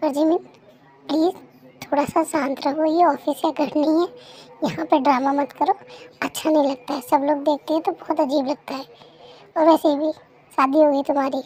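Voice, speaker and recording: A woman's voice: high voice, fairly even intonation, normal speed, pauses often, warm tone, close to an everyday voice. A woman voicing a sister-in-law who lectures the young wife in a preachy way in a fan-made dub. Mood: lecturing. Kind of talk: fan Hindi dub role-play.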